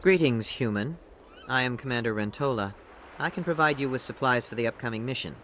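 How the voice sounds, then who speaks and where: A man's voice: medium pitch, lively intonation, brisk, a bit bright, a little hiss or hum, close to an everyday voice. A man playing a stiff, disapproving alien supply officer in a video game, formal and curt. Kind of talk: dramatic video game acting.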